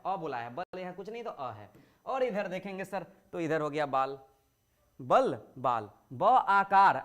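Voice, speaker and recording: A man with a high-pitched voice teaches a grammar class to school students. He explains step by step, poses questions and answers them himself. He stretches words out to show how long each vowel sound is. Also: fairly bright tone. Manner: explains patiently, asks and answers his own questions.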